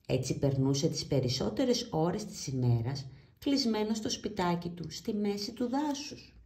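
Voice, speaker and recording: A woman reading a children's storybook aloud in an animated, expressive way. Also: on the low side. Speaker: storybook reader. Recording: roomy echo.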